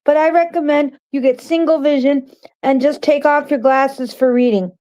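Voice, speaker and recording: A woman's voice: high-pitched, fairly even intonation, moderate pace, mellow, rough recording. A woman in her forties chatting casually, earnest and insistent, repeating short phrases to make her point. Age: 40s. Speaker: library worker. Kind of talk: casual chat.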